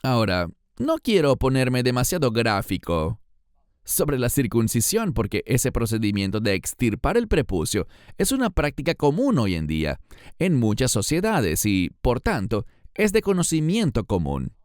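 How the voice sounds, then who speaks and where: A man giving a scripted Bible lesson in a measured, explanatory way. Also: medium pitch, wildly swooping pitch, darkish tone, dry recording, clean studio sound. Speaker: Bible teacher.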